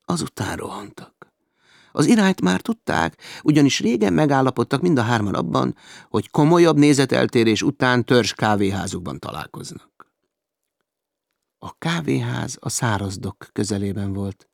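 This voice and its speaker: A man's voice: medium pitch, very animated, creaky, no echo, clean studio sound. Man narrating an adventure novel. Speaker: audiobook narrator.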